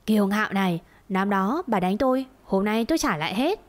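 A woman's voice: medium pitch, animated, brisk, close to an everyday voice. A woman voicing a scheming middle-aged mistress who is spiteful and coy, speaking in a sneering, fawning way in a storybook tale.

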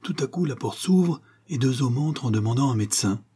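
A man's voice: medium pitch, lively intonation, a little fast, warm tone, breathy edge, voice pushed up. A man reading a grave solemn doctor. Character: grave learned male doctor, solemn and stern. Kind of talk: audiobook character reading.

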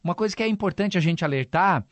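A Brazilian man giving a conversational, salesman-like radio infomercial pitch, often turning to his co-host. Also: lively intonation, fast talker, no room sound. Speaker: supplement pitchman.

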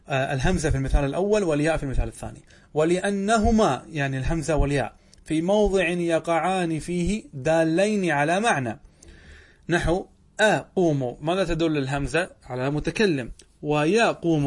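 A man teaching Arabic grammar in a lesson, asking his own questions and answering them, often drawing out words as he explains. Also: on the high side. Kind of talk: classroom lesson.

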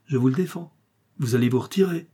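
A man's voice: mid-range voice, quick pace, mellow, slightly rough, close to an everyday voice. A man voicing a cold, haughty duelist count. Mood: stern. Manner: cold, stern and cutting. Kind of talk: audiobook character reading.

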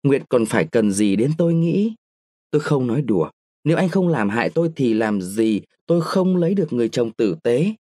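A man's voice: mid-range voice, sing-song, fairly quick, mellow, no echo, studio quality. A man reading a story, voicing a proud young woman of eighteen who pleads and reproaches her lover. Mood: reproachful pleading.

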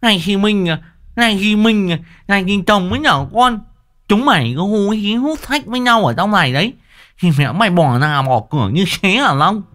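A woman's voice: medium pitch, expressive, moderate pace, a bit bright, close to an everyday voice. A woman voicing a burly, bullying woman neighbor who bellows her threats and garbles her words with a heavy lisp. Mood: furious. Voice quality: mispronouncing, lisping speech.

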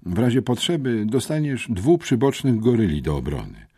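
A man reading an audiobook, voicing a hoarse, embarrassed teenage boy who calmly delivers gang threats. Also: medium pitch, moderate pace, no echo, studio quality, pitched above the performer's own voice. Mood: calmly menacing. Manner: calm, smoothly menacing. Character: hoarse, sly teenage schoolboy racketeer messenger.

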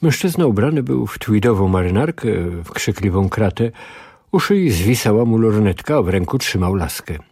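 A man reading a novel aloud on the radio, with lively, expressive storytelling. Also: fairly low pitch, moderate pace, breathy edge, no echo, studio quality. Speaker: radio reader. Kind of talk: dramatic audiobook reading on radio.

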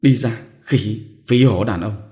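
A man's voice: mid-range voice, big pitch swings, quick pace, a little mellow, pitched above the performer's own voice, lightly acted. A man voicing a young peasant wife in painful labor who cries out and pleads. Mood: pleading. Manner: crying out, pleading.

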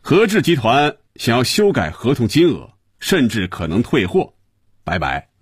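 A man's voice: mid-range voice, big pitch swings, unhurried, slightly rough, dry recording, clean studio sound, pitched above the performer's own voice. A man voicing a smug office worker taunting his boss over the phone. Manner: smug, gleeful. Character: gloating office man quitting his job.

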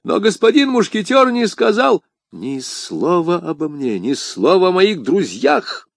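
A man voicing a terrified, timid middle-aged haberdasher who pleads in a high, wailing voice. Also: sing-song, unhurried, vocal fry, dry recording, clean studio sound, heavily acted. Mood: meek stammering.

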